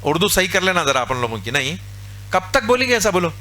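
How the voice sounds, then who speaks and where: A man preaching a sermon in a mosque, lively and conversational, acting out everyday scenes. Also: high-pitched. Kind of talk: Urdu sermon.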